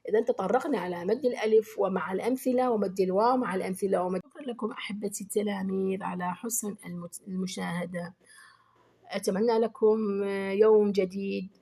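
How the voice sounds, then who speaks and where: A woman teaching beginners and speaking to pupils. She praises them often and draws out the example words slowly and clearly. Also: medium pitch, steady tone, mellow. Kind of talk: children's lesson addressing pupils.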